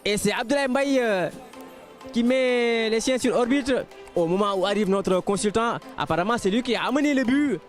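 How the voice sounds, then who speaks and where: A man's voice: very high voice, animated, normal speed. A man giving live football commentary as match commentator, with hesitant phrasing full of fillers. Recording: outdoor stadium with faint music and crowd.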